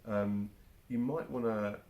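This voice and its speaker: Slow and darkish, with a voice on the low side, a London man in his forties answers interview questions as a guest. He's a marketing automation specialist from England who keeps restarting and filling gaps with fillers.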